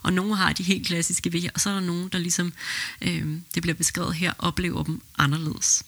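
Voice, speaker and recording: A woman who is a midwife and podcast host, reading a birth story aloud in an even, steady way and then talking it over. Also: fairly low pitch, no echo.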